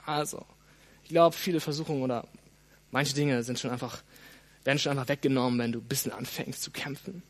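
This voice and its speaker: A man preaching a sermon, speaking straight to his listeners with frequent "hey" and "ne?", with a lively, varied delivery. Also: mid-range voice, a little fast.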